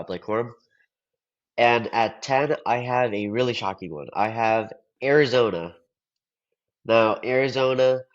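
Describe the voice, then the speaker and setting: A young man with a blocked, stuffy nose gives his sports rankings in an earnest, casual way, sometimes stopping to hunt for the right word. His voice sits fairly low. The audio is dull and lo-fi. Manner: earnest, searching for words. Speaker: podcast co-host.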